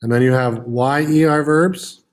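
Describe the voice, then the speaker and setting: A man's voice: mid-range voice, unhurried. A man teaching a French lesson, patiently repeating words with frequent "uh" fillers. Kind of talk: classroom lesson.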